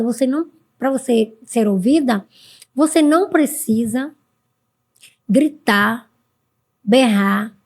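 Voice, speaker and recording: Earnest Brazilian woman with a mellow voice. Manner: earnest, with sudden high-pitched bursts when quoting others. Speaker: podcast guest, mentor for women. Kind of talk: casual interview talk.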